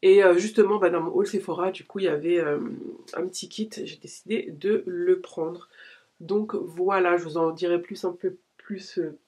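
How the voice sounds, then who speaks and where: A woman's voice: on the low side, steady tone, moderate pace, mellow, husky. A woman in her late thirties chatting casually as a beauty vlogger, rambling and slangy while doing her skincare at home. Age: late 30s. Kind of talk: casual vlog chat. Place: home, filmed in natural daylight.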